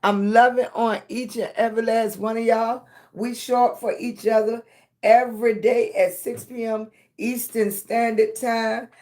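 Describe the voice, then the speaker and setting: A woman's voice: a little high, little pitch movement, measured pace, a little mellow. An American woman hosting a motivational livestream chat, affectionate and encouraging, speaking emphatically with frequent checking tags and pet names for her viewers. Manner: affectionate, encouraging, addressing viewers as baby and sweetie. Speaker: livestream host and content creator.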